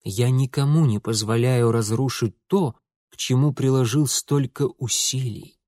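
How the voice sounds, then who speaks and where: A man's voice: mid-range voice, unhurried, dark tone, no echo, clean studio sound, close to an everyday voice. A man voicing a cool, guarded young hero who speaks with control.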